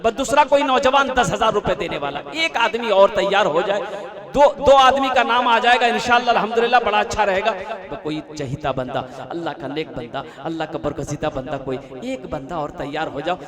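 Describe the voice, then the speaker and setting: A man's voice: high-pitched, brisk. A male preacher giving a fundraising sermon at a religious gathering, repeating his appeals in a rhythmic way and leading slogans. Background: crowd responses.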